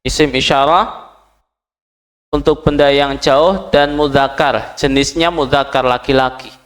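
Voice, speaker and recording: A man's voice: fairly high pitch, steady tone, measured pace, fairly bright tone. A man teaching an Arabic class, patiently saying each phrase and translating it, and checking often that his students follow. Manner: quizzes the class with short questions. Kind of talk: classroom language lesson.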